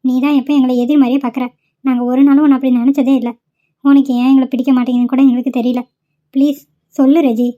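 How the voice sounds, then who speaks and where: This is amateur cartoon voice work: a woman voices caring young female college students as they plead with and coax a friend. Her high, mellow voice sounds natural, with a flat delivery and a quick pace.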